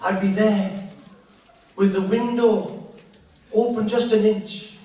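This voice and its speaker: High-voiced comedian in a booming hall. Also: male voice, fairly even intonation, takes it slowly. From Carmarthen, West Wales. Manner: wistful storytelling, chatting with audience. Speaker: stand-up comedian. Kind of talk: live stand-up set. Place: large live venue. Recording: echoey hall from far, loud crowd.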